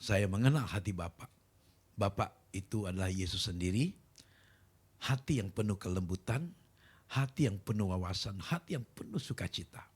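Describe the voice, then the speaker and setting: A middle-aged male pastor tells his own story from the pulpit. His voice is husky and sits fairly low, but it swings widely in pitch as he acts out the people in the story. Now and then he climbs to loud, emphatic peaks to rouse the congregation. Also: animated, moderate pace. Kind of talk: sermon with personal testimony.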